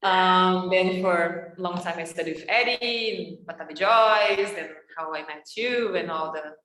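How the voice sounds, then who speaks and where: Brazilian woman, low voice, roomy sound. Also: unhurried, a bit bright, slight background noise. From southern Brazil. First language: Portuguese. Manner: searches for English words, fillers, laughs often. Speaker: guest. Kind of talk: casual video-call interview. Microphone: video call.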